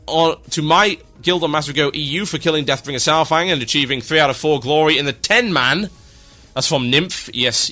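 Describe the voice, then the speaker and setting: Sarcastic radio host, lively. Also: male voice, fairly high pitch. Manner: dry, sarcastic, mock-grand delivery. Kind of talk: reading listener shout-outs on an internet radio show.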